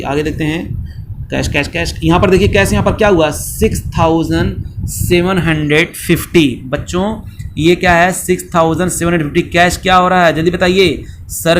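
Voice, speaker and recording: Male commerce teacher, bantering lecture style, higher voice, faint hum behind. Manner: playful, answers his own questions in the students' voice; scolds teasingly. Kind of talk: classroom lecture.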